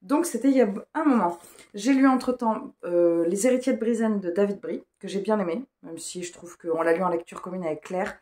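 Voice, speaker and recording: A woman's voice: medium pitch, a little fast, a little mellow. A woman chatting casually for a vlog, informal and hesitant as she thinks aloud. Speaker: vlogger. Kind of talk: casual rambling vlog chat.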